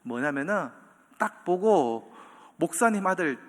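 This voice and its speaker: Lively pastor preaching in a hall. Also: male voice, on the high side, unhurried. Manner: animated storytelling with acted quotes and chuckles. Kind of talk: sermon. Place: church sanctuary. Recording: long church hall reverb.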